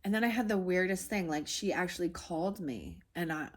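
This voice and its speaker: A woman's voice: on the low side, lively intonation, fairly quick. A woman in her forties giving a casual tarot reading, rambling with many fillers and restarts. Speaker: tarot reader.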